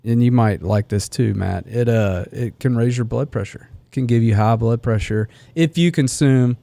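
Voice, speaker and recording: A man in his forties hosts a casual podcast chat with a mid-range, creaky, mellow voice at a moderate pace. Easygoing and reflective, he laughs often, and the sound is dry and close with no room sound.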